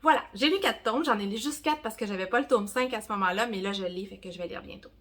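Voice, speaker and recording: A woman in her forties with a Québécois accent, giving a casual, rambling review of her month's reading, with self-mocking asides and some soft whispered comments. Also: mid-range voice, fast. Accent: Québécois French. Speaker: book vlogger.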